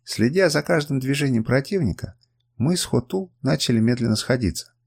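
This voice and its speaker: Husky man reading an adventure novel. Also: medium pitch, lively intonation, a little fast, a little mellow. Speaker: audiobook narrator. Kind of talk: first-person audiobook narration.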